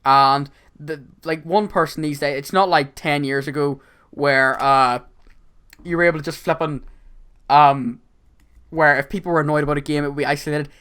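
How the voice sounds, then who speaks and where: A man's voice: on the high side, steady tone, normal speed, bright, forceful tone, smooth. A man hosting a casual gaming podcast, talking energetically with a sore voice and stumbling over repeated words. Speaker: podcast host.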